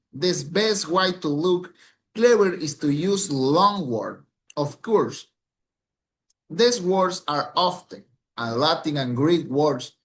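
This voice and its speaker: Slow, careful man reciting for an exam. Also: high voice, fairly bright tone, a little hiss or hum. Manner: slow, careful delivery with small slips and restarts. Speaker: English language student.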